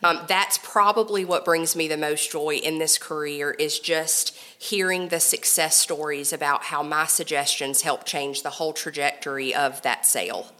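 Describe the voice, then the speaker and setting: A woman's voice: deep voice, steady tone, moderate pace, few pauses, bright, forceful tone. A woman in her forties with a Southern drawl, a home stager explaining her work patiently and persuasively in an interview. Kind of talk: conversational interview.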